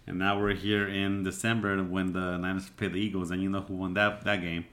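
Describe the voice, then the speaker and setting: Male podcast host, lowish voice, easygoing and reflective, chatty with fillers. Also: little pitch movement, fairly quick, fairly bright tone. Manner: reflective, loose, with many "you know" fillers. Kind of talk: casual podcast chat.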